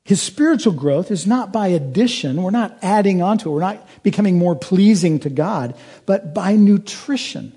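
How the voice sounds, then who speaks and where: A man's voice: sits high, animated, normal speed, warm tone, slightly rough. A man preaching a sermon to his congregation, earnest and building to emphatic peaks. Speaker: pastor.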